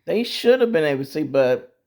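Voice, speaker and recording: A man's voice: a little high, sing-song, fairly quick, creaky, a little mellow. A man co-hosting a casual pop culture chat, answering with short dry reactions and quips. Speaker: co-host.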